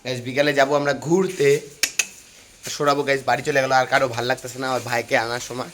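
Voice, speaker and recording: A young man chatting to viewers while filming a casual phone vlog at home and on local roads, slightly hoarse. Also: medium pitch, fairly even intonation, fast, noisy background. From India. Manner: chatty, addresses viewers as "guys". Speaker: vlogger.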